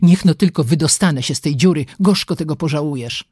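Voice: mid-range voice, brisk, warm tone, slightly rough, dry recording, clean studio sound, lightly acted. A narrator voicing a bound, injured man silently vowing revenge on his captor. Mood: vengeful. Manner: hissing threats.

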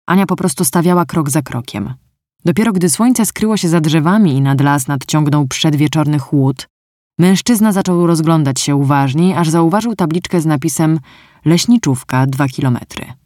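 An audiobook narrator reading a story in a calm, steady way. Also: medium pitch, no room sound, clean studio sound. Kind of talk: scripted narration.

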